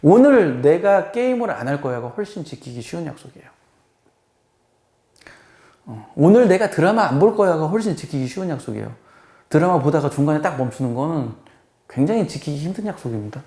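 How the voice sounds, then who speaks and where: A man's voice: a little high, brisk. A man teaching as a math tutor in a conversational lecture, acting out the people he quotes. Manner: lively, acts out quoted people. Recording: echoey room.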